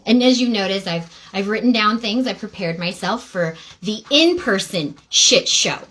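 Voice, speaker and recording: A woman's voice: mid-range voice, lively intonation, normal speed. A woman hosting a podcast, delivering a sarcastic, indignant monologue straight to her viewers. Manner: sarcastic, indignant, addresses "ladies and gentlemen". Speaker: podcast host.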